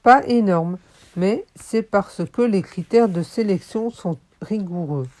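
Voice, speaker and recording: A woman voicing a bold, self-assured new schoolboy who speaks loudly and firmly, in a children's audiobook. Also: medium pitch, slow, lightly acted. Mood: cheeky. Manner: loud and firm.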